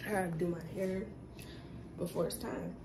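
A woman's voice: on the low side, steady tone, normal speed. Chatty young woman vlogging on her phone. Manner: rambling, chatty, full of fillers. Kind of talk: casual vlog chat. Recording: noisy phone recording.

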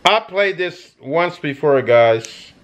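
Man, middle-aged, high voice, lively swoops, gaming commentary, headset mic. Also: takes it slowly. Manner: animated, with excited shouts and yelps. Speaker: gaming YouTuber. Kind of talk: casual gameplay commentary.

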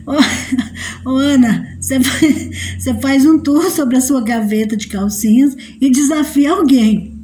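A woman's voice: measured pace, warm tone, a little hiss or hum. A Brazilian woman hosting a casual live stream, chatting with viewers and often breaking into laughter. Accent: Brazilian Portuguese. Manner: giggly, bursts into laughter often; sweet high baby-talk to a pet.

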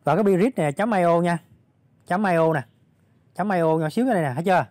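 A man hosts a casual vlog, his voice a little hoarse and pitched fairly high. He chats directly to viewers, full of fillers and restarts. The recording is dry and close. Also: rapid-fire, darkish tone, no echo. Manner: chatty, many fillers, addresses viewers directly. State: slightly hoarse. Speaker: crypto channel host. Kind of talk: casual screen walkthrough vlog.

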